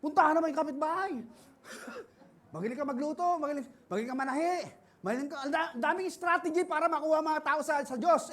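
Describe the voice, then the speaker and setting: A man with a Filipino accent, a pastor preaching an energetic sermon, telling stories and acting out the people in them. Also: very high-pitched. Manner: animated preaching, acts out dialogue, laughs often.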